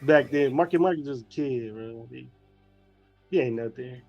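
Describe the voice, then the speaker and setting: A man's voice: medium pitch, moderate pace, muffled recording. A man co-hosting a sports podcast who teases the others, repeats himself and keeps saying "bro", over faint music. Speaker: podcast co-host. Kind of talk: casual sports chat.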